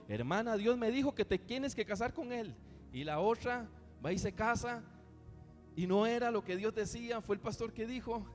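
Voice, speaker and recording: High-voiced Costa Rican pastor preaching. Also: male voice. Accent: Costa Rican Spanish. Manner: conversational preaching, asks the congregation questions. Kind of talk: sermon. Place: church hall. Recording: reverberant church hall with music.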